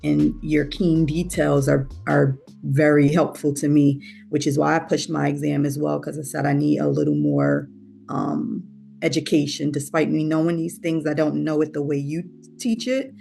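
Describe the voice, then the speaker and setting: Gravelly-voiced study group attendee. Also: medium pitch, dark tone, soft background music. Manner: hesitant, with many "um" pauses. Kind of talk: casual thank-you remarks.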